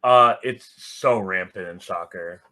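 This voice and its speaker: A podcast guest gives casual, reflective answers in a conversational interview, checking that he is understood. His voice sits low and sounds pushed and bright, moving at a slow pace.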